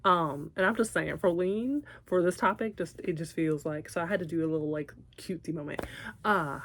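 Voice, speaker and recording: A young woman from Texas with a Southern accent, chatting to camera in a lively vlog with many asides. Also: on the low side, a little fast. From Texas, United States. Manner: chatty and animated, with asides and laughs. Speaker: vlogger. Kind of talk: casual chat to camera.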